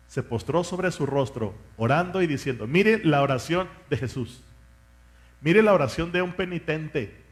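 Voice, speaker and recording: High, animated pastor preaching. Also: male voice. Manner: fervent preaching, rhetorical questions, calls for congregation to repeat. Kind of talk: sermon.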